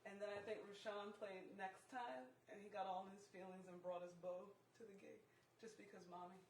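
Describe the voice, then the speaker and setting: Woman musician making quiet teasing asides, distant mic, light background hiss. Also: medium pitch, steady tone, normal speed. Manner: playful, teasing, soft-spoken asides. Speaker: musician co-host of a live stream. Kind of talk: casual chat between songs on a live stream. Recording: roomy, distant mic with faint noise.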